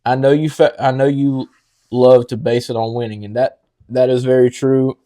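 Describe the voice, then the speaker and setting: Opinionated man, mellow voice. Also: mid-range voice, level tone, moderate pace. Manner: opinionated, argues his case with confidence. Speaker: podcast co-host. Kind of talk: casual sports talk.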